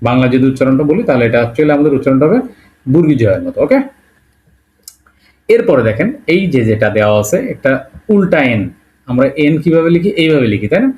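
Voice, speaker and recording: A man's voice: mid-range voice, very animated, lo-fi sound. A man teaching an alphabet lesson to beginners. He repeats each sound several times and keeps checking that his students follow. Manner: repeats sounds slowly and checks understanding with "okay?"; mixes English words into his explanations. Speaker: language teacher. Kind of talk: Bengali-language alphabet lesson.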